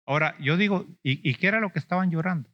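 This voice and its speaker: A man with a fairly high voice preaches quickly, taking the role of an apostle, and the audio sounds dull. He questions the congregation, nudges them with "mm?" and "ujú," and imitates lamenting believers in a whiny voice.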